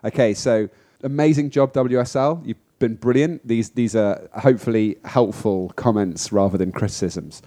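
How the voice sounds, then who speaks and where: A man co-hosts a surf podcast in an easygoing way. His voice is low and warm. He chats freely, pokes fun at himself and laughs easily. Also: normal speed, hardly any pauses. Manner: chatty, self-deprecating, laughs easily. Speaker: podcast co-host. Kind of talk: casual chat.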